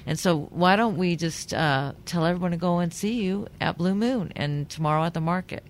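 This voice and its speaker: A woman hosting a casual radio interview, chatty and quick to laugh. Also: fairly low pitch, slight background noise. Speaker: radio show host.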